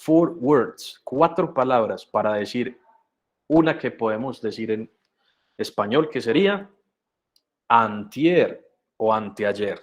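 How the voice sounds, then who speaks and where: A man's voice: medium pitch, lively intonation, a little slow. A man teaching English to Spanish speakers in an online class, explaining patiently and switching between English and Spanish. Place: video conference.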